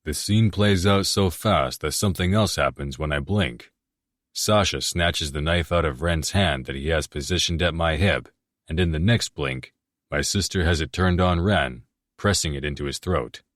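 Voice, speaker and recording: A man narrating a romance audiobook in the first person, in a steady, measured reading. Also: rumbling low, dry recording, studio quality.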